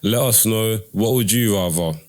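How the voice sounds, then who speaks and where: A man's voice: fairly low pitch, moderate pace. A man hosting an interview show, chatting casually with lots of fillers. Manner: relaxed, chatty, filler-heavy, laughs easily. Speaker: podcast host.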